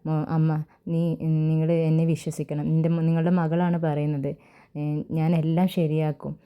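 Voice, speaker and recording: A woman's voice: low voice, level tone, normal speed, clear, resonant tone, highs cut off, natural voice. A woman voicing a young newlywed wife who speaks in a soothing, reassuring way.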